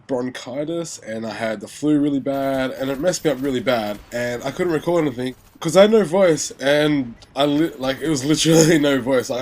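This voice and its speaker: Offering laid-back commentary on a game, a young man rambles, often restarting and filling gaps with fillers. His medium-pitched voice is a little mellow, but his nose remains stuffy and his voice slightly sore from being sick.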